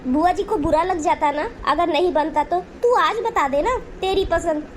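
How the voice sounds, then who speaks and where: A woman's voice: very high-pitched, normal speed, a little hiss or hum. A woman voicing an indulgent middle-aged mother in a Hindi cartoon, coaxing and placating.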